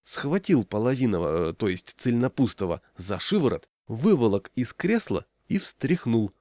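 A man narrating a story in a measured, ironic way. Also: mid-range voice, sing-song, dark tone, no echo, studio quality. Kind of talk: audiobook storytelling.

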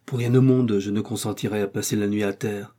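A man's voice: fairly low pitch, steady tone, brisk, warm tone, lightly acted. A man reading an audiobook, voicing a resolute male explorer and scientist with a commanding, urgent manner.

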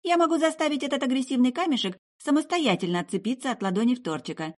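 A woman reader voicing a polite, calm young woman who mends souls, speaking in a gently teasing, courteous way. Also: high-pitched, quick pace, pitched above the performer's own voice.

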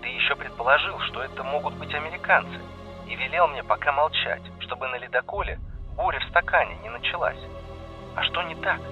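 A man's voice: a little high, fairly quick, bright, forceful tone, faint music behind, voice pushed up. A man doing a flustered radio operator over a tinny radio. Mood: eager. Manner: unsure, apologetic, eager to please. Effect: radio transceiver filter. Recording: tinny radio-line sound.

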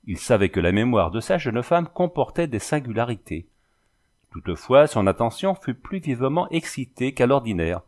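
A man narrating a literary novel as an audiobook in a measured, expressive reading. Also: mid-range voice.

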